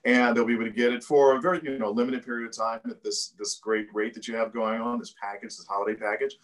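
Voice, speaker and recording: A man's voice: medium pitch, little pitch movement. A man hosting a shopping livestream, upbeat and asking his guest questions over a video call. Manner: upbeat, prompting questions, quick. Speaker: livestream host. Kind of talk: casual interview chat.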